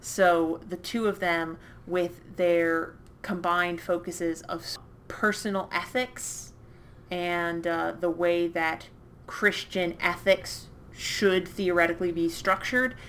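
A woman co-hosting a podcast, chatting enthusiastically with quick asides. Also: fairly low pitch, steady tone, fairly bright tone, slight background noise. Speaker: podcast co-host. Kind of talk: casual chat.

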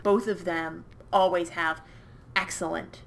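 A woman co-hosting a podcast, chatting enthusiastically with quick asides. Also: on the low side, steady tone, gravelly, a little hiss or hum. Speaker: podcast co-host. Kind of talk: casual chat.

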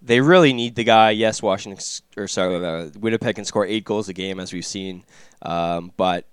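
Man, low voice, smooth, casual rambling chat, dry close sound. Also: normal speed, dry recording. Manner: loose, rambling, many fillers. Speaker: fantasy hockey podcast co-host.

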